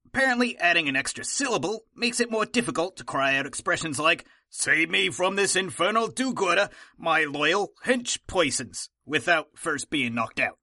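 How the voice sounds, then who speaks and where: A man's voice: a little high, lively intonation, moderate pace, hardly any pauses, pushed and bright, no room sound, clean studio sound, exaggerated voice. An actor playing a chatty, affable male officer of a henchmen's union in a comedic audio drama.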